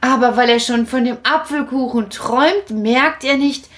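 A woman narrating a children's story in a calm, lower voice. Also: moderate pace.

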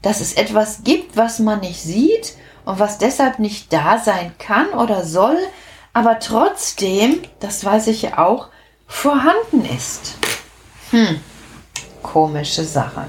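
A woman's voice: mid-range voice, big pitch swings, slow, slight background noise. A woman telling a playful bedtime story to children, speaking expressively and addressing them directly.

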